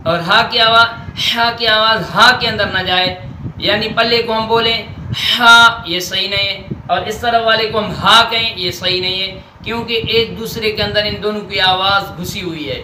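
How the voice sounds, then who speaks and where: A man with a Pakistani Urdu accent teaching Quran letter pronunciation, drilling letters slowly and deliberately. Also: sits high, steady tone, pushed and bright. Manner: slow, deliberate letter drills with stretched sounds. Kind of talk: Noorani Qaida pronunciation lesson. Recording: echoey room with faint noise.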